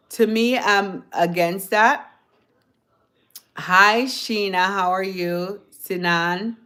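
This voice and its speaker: Woman, livestream host, lowish voice, slow rambling chat, sounds tired. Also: fairly bright tone. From Jamaica. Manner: chatty, rambling, repeats herself. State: tired from a late night. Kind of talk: casual chat with viewers.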